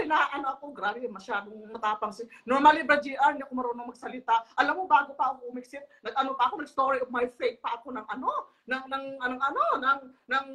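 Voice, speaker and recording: A woman's voice: high voice, sharp tone. A middle-aged woman, a guest on a live talk show, tells a story animatedly in casual chat, laughing often and stumbling over fillers.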